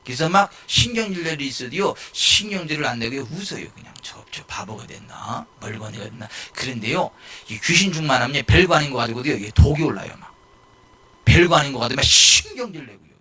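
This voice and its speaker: Male pastor, sermon, lively swooping pitch, bright husky voice, breaks into shouts. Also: fast talker. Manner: animated, shouting at peaks, mimicking people. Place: church.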